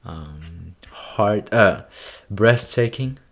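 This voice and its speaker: A young man hosting a casual music reaction review, excitable and slangy, full of fillers. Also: on the low side, extremely slow, creaky.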